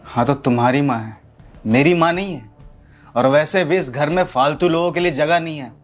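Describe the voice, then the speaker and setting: A man's voice: fairly high pitch, moderate pace, faint music behind, lightly acted. A man playing a harsh, domineering husband who orders people about and talks with scorn, in a family drama skit. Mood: angry. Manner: shouting, rude, commanding.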